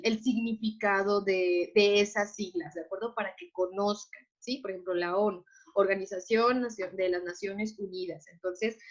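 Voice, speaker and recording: A woman teacher, patiently explaining to her class and often checking that students follow. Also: mid-range voice. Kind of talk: online class lecture. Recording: muffled lo-fi audio.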